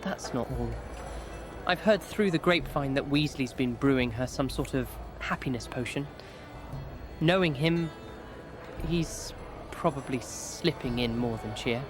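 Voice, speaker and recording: Man as outspoken young male student, earnest, protective, medium pitch, audio drama, music behind. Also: a little slow, lightly acted. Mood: concerned gossip.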